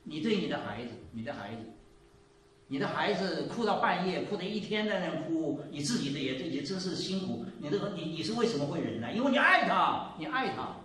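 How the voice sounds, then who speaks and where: A man in his seventies giving a sermon and telling a story, moving between loud exclaiming and quiet asides. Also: fairly high pitch, big pitch swings, fairly quick, distant mic. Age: 70s. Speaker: preacher. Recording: echoey room, voice from off the mic.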